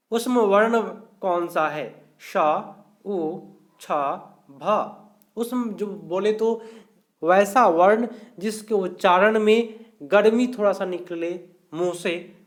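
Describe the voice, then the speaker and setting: A man teaching a live online grammar class, going through each question slowly and explaining every answer step by step. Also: sits high. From India.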